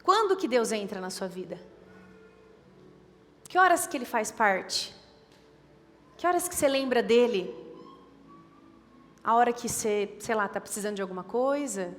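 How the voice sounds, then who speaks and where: A woman's voice: on the high side, lively intonation, normal speed, pauses often, in a large hall. A woman with a Brazilian Portuguese accent preaching a sermon, urging and repeating her points with emphasis. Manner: emphatic, repetitive exhortation. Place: church.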